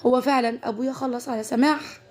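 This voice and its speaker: A woman's voice: sits high, steady tone, rapid-fire, close to an everyday voice. A woman voicing a frightened young woman who pleads and frets, with an Egyptian Arabic accent. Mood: tearful.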